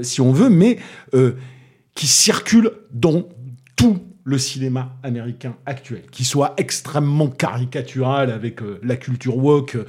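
Husky man with a Toulouse accent. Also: medium pitch. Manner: hesitant, many fillers and restarts, animated critique. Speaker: film critic on a panel. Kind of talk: casual film review chat.

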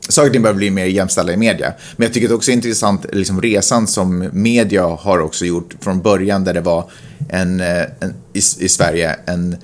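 A man from Sweden with a Stockholm accent and a somewhat low voice. He talks as a podcast co-host in casual conversation. He often rephrases mid-thought, working out his point aloud. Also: fairly even intonation. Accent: Stockholm Swedish.

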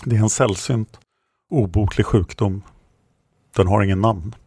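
A man reading the lines of a dying young woman, soft and tearful. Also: fairly low pitch, fairly even intonation, husky, dry recording, clean studio sound.

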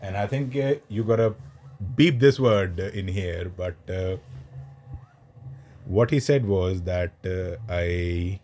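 A man's voice: sits low, slow pace, mellow, a little hiss or hum. A man co-hosting a casual podcast chat, telling a long anecdote full of "uh" fillers and small laughs. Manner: rambling storyteller with many "uh" fillers. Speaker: podcast co-host.

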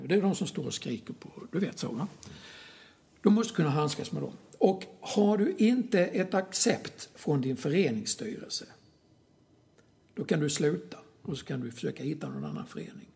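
A man explaining things in a casual conversation as a youth football coach, speaking in a slightly high voice with a gravelly edge. He is blunt and emphatic, swears freely, and keeps pressing his points with rhetorical questions. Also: warm tone.

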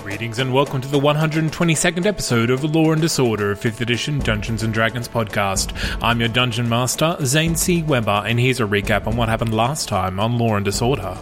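Mid-pitched man hosting a gaming podcast. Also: fairly quick, few pauses. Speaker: podcast host and dungeon master. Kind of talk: scripted podcast intro and outro. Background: faint music.

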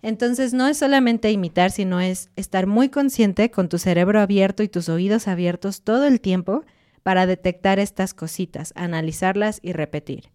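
A woman, co-hosting a casual Spanish-learning podcast and explaining things clearly with light jokes. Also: medium pitch, normal speed, a little mellow. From Mexico. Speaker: podcast co-host and Spanish teacher. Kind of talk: casual educational podcast chat.

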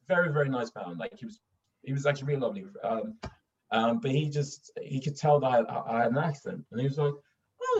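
Animated man, distant muffled mic. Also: mid-range voice. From Sweden. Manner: animated, laughs easily while telling stories. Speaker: podcast guest. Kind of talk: casual conversation. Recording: distant, dull mic with faint hiss.

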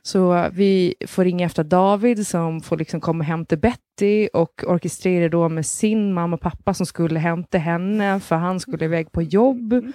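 A woman's voice: on the low side, few pauses, warm tone, dry recording, clean studio sound. A woman in her thirties, co-hosting a podcast, telling a story in casual chat with lots of laughter and casual swearing, acting out other people's lines. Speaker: podcast co-host.

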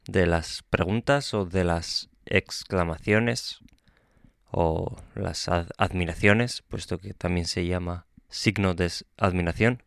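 A man hosting a podcast lesson, explaining patiently and calmly with small self-corrections. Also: low-pitched, clear, resonant tone, no room sound, studio quality. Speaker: Spanish teacher and podcast host. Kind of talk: slow, clear podcast lesson for learners.

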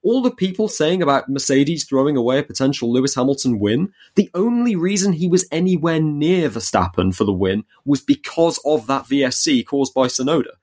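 A man's voice: on the high side, animated, fairly quick, hardly any pauses, darkish tone. A man giving emphatic, argumentative opinions as a panellist in a sports podcast discussion.

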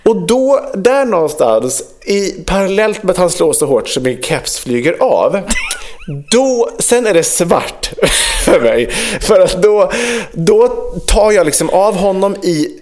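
Animated man, lively storytelling voice. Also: high-pitched, a little hiss or hum. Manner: animated, re-enacts dialogue, frequent fillers. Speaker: podcast co-host. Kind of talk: casual podcast storytelling.

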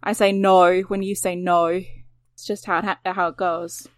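A woman's voice: fairly low pitch, level tone, moderate pace, no room sound, studio quality. A woman hosting a podcast in casual chat, talking in a chatty, self-deprecating way with many fillers. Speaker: podcast host.

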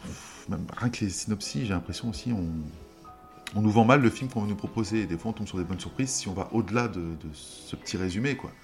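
Guy hosting a movie podcast, low voice, laid back, lots of ums. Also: quick pace, soft background music. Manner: relaxed, hesitant, many fillers. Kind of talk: casual chat about films.

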